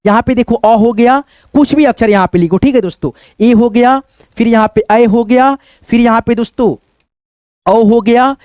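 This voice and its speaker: A man with a fairly high voice gives a beginners' lesson, repeating each point and calling his viewers friends. He slows down to sound letters out one by one. His voice is close and dry, with no room echo. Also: a little mellow. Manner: addresses viewers as friends, repetitive and drilling. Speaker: English teacher. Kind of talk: online lesson explaining letters.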